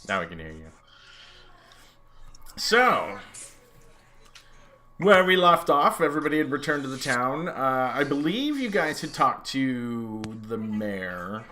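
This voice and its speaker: Man, game master, slow unhurried delivery, fillers, dry asides, faint noise behind. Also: mid-range voice, sing-song, pushed and bright. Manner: halting, many fillers, wry asides. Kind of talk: hosting and narrating a tabletop game over a stream.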